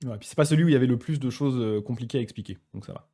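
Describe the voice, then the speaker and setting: A man with an ordinary mid-range voice teaches on a live stream, explaining ideas in a loose, conversational way. He pauses and restarts often as he thinks aloud, and he slows down to read passages before discussing them. His delivery sounds like an informal study group rather than a formal lecture. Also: mid-range voice. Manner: relaxed, explanatory, chatty with frequent hesitations; reads passages aloud slowly, then comments. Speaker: Buddhist teacher.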